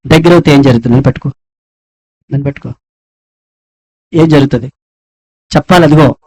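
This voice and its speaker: A man's voice: medium pitch, darkish tone, poor audio. A man from India preaching a sermon, asking rhetorical questions and calling for praise in fervent, rising exhortations. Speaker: pastor.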